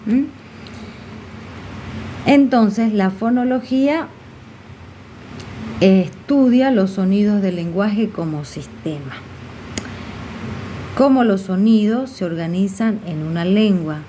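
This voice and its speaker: Slow, mellow-voiced woman teaching. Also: medium pitch, slight background noise. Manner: slow, with frequent fillers and checking questions. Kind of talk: explaining a lesson.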